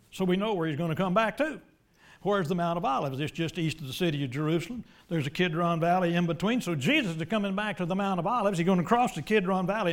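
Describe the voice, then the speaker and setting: A man preaching a sermon, emphatic and folksy, swinging from loud declarations to hushed asides. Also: high voice.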